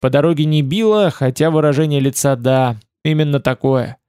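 A man narrating a novel in the first person, in a dry, wry, unhurried manner. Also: a little high, warm tone, smooth, no room sound. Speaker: audiobook narrator.

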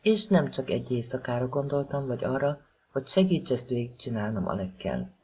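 An audiobook narrator voicing a grown man who speaks quietly and sincerely. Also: medium pitch, sing-song, slight background noise, lightly acted. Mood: earnest. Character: earnest, tender grown man in love. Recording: slightly dull lo-fi recording.

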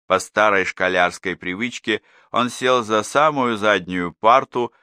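A man reading an audiobook in an expressive, lively narration. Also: deep voice, dry recording, studio quality. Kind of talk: scripted narration.

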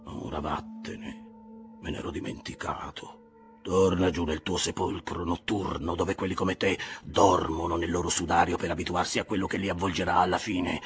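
A man's voice: low voice, steady tone, a little slow, hardly any pauses, a bit bright, faint music behind. A man voicing a stern old sea captain who gives cold, contemptuous commands. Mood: scornful.

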